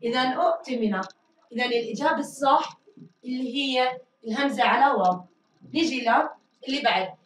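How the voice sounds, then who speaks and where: A woman teacher giving a grammar lesson, drilling answers and stretching words slowly. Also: high voice, recorded from a distance. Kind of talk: recorded classroom grammar lesson. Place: school studio room. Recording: echoey room, mic set back.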